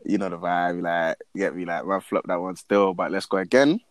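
A man's voice: low-pitched, little pitch movement, brisk, no room sound. A young man in his late teens with a London roadman accent, hosting a podcast in casual, slangy banter with friends. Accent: London, urban roadman slang style. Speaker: podcast host.

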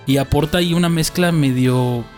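A Mexican man co-hosting a casual podcast, playful and quick to laugh. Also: on the high side, a little mellow, faint music behind. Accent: Mexican Spanish. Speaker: podcast co-host. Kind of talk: casual chat.

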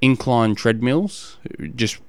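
A man with an Australian accent giving casual coaching advice as a podcast host, halting and often repeating phrases as he explains. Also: mid-range voice, smooth, no echo.

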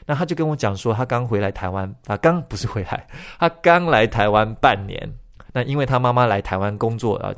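A man hosting his own podcast and telling a story. He often ends his phrases with drawn-out particles. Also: on the low side. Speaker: podcast host.

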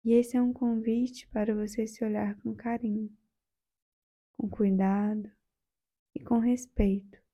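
A woman with a fairly high voice and a Brazilian accent talks listeners through a meditation; she is soft and gentle, leaves long pauses, and keeps her delivery flat.

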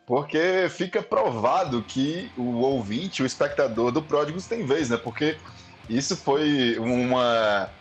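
A Brazilian man co-hosting a podcast chats in a relaxed, talkative way. Faint music runs in the background. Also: medium pitch, unhurried. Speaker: podcast co-host. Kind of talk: casual podcast chat.

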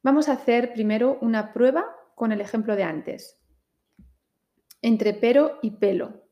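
A woman teaching pronunciation, saying each word slowly and carefully in a listening drill. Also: fairly high pitch, highs cut off. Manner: very slow, carefully articulated minimal pairs.

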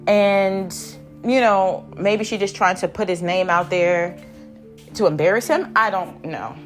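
Animated, foul-mouthed woman telling a story. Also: medium pitch, a little slow, music in the background. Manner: animated, profane storyteller who laughs between lines. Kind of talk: casual storytime vlog.

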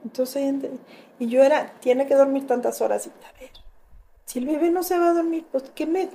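A middle-aged woman with a Mexican accent, telling lively stories about motherhood in a casual group chat and acting out what she once said. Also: high-pitched, a little fast, creaky. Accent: Mexican Spanish. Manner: animated storyteller, acting out her own past lines.

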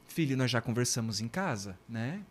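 A man from Brazil, a priest, telling a childhood story in a lively, casual podcast chat and mimicking the people in it. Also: medium pitch, moderate pace. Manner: lively anecdotes, mimics voices and laughs often.

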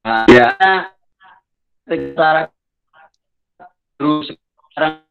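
A man's voice: on the high side, vocal fry, clear, resonant tone, muffled recording, faint music behind. Man on a choppy, breaking-up video call. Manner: halting, broken-off phrases. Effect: choppy, breaking-up online call audio. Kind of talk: online meeting talk.

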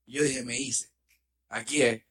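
A man's voice: medium pitch, steady tone, a little slow, fairly bright tone, husky. A young man, telling a story on a podcast in a rambling, hesitant way. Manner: rambling, hesitant, with fillers and repeats. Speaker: podcast co-host. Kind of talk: casual storytelling among friends.

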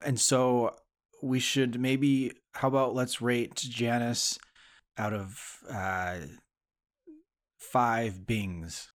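A man co-hosting a podcast, talking casually in a rambling way with fillers and soft laughs. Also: mid-range voice, level tone, drawn-out words. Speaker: podcast co-host. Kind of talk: casual chat.

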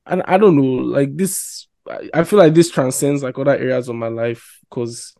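A man's voice: mid-range voice, moderate pace, creaky, mellow, no room sound. A young adult man, chatting casually on a podcast and thinking aloud in a reflective, hesitant way. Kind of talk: casual chat.

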